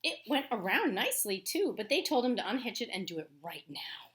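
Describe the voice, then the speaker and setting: Fairly high-pitched, very animated and a bit bright, a woman teacher reads a storybook aloud to young children. She breaks between passages to chat and explain things. She also pauses to talk about the pictures.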